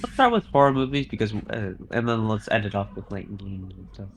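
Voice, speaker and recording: A man's voice: lowish voice, a little fast, slight background noise. A young man co-hosting a podcast in casual chat, giving brief, laid-back replies. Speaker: podcast co-host.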